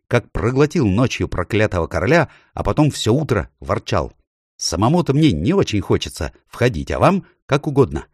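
A man voicing a sly, scheming male ape who taunts and shouts orders in a storybook reading. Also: fairly low pitch, husky, no room sound, clean studio sound.

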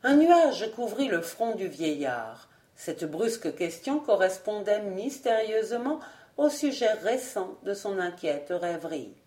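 A woman narrating a classic novel as an audiobook reader, in a measured, expressive way. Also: mid-range voice, roomy sound. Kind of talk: scripted narration.

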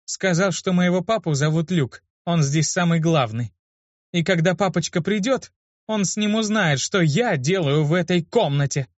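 Brief: a man doing a fiery young woman healer, raised and sharp, in a dull lo-fi recording. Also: sits high, normal speed, dry recording, voice pushed up, lightly acted. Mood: furious. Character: young woman healer, hot-tempered, accusing.

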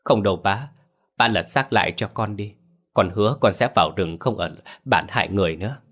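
A man voicing a cunning, vicious female ghost who begs and threatens in a low voice. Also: a little fast, a bit bright, husky. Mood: pleading. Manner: pleading then menacing and mocking.

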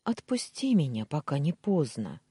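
A reader voicing a frightened young woman who pleads and protests, in an audiobook, plaintive and husky. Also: mid-range voice, very animated, moderate pace, mellow, no echo. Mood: pleading. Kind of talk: audiobook dialogue reading.

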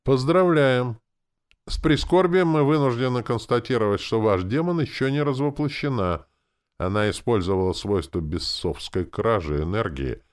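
A man's voice: medium pitch, moderate pace, clean tone, voice pushed up, natural voice. A man reading an audiobook, voicing an impersonal magical system announcer in a formal, official tone.

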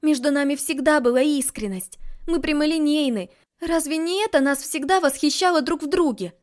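A woman reading a passionate young heroine, blunt and impatient, with a high voice pushed upward in emphasis. She speaks straight out and presses every point. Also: lively intonation, takes it slowly, a little mellow. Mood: indignant. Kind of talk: audiobook dialogue reading.

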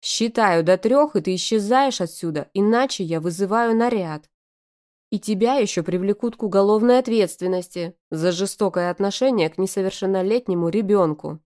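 A woman's voice: medium pitch, normal speed, darkish tone, natural voice. A woman reading the lines of a stern, angry young father who speaks in cold, clipped growls. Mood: cold anger.

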